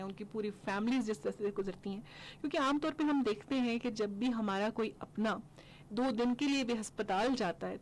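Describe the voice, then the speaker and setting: A woman's voice: medium pitch, slight background noise. A young woman from Pakistan hosting a radio studio interview, articulate and summarizing, with frequent affirmations. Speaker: radio host.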